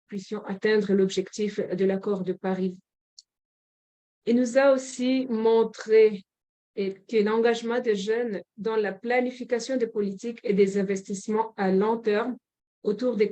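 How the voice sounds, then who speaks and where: A woman from Rwanda, a government representative, giving a formal closing speech at a forum in a measured way, with frequent pauses and hesitations. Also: mid-range voice, mellow.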